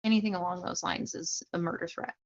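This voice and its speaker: A woman's voice: fairly low pitch, steady tone, fast, creaky, muffled recording. A young woman casually explaining roleplay police charges on a livestream, chatting to viewers and laughing easily.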